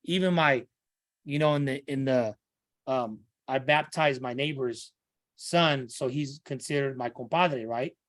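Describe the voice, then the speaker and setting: A man's voice: mid-range voice, measured pace, fairly bright tone, dry recording, clean studio sound. A middle-aged man from Santa Ana, California, speaking earnestly as a podcast interview guest. He repeats himself and restarts his sentences.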